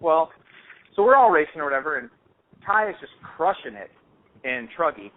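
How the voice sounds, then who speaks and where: A man with a fairly high voice and big pitch swings talks at a moderate pace on a phone call. Host of a hobby show, he tells anecdotes in a casual, slangy, rambling way, heard through dull lo-fi phone audio.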